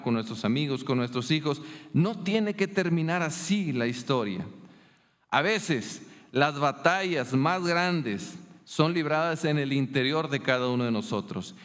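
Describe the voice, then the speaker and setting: Slow, earnest Mexican preacher in a reverberant hall. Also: male voice, a little high, a bit bright. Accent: Mexican Spanish. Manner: earnest storytelling preacher, emphatic and deliberate. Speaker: pastor. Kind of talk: sermon.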